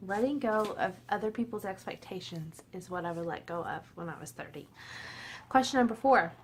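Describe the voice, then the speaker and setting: A woman's voice: medium pitch, lively intonation, a little fast, a little hiss or hum. A woman in her forties chatting casually and a little tipsy to her viewers at home, laughing often. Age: 40s. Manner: chatty, laughing, self-deprecating. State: slightly tipsy. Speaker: vlogger. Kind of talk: casual tipsy chat to camera.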